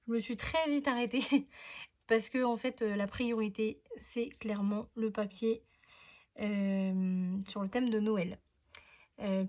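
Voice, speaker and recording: A woman's voice: medium pitch, warm tone. A woman hosting a crafting tutorial, talking casually with lots of fillers and restarts. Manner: chatty, many fillers and restarts. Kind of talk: casual demonstration talk.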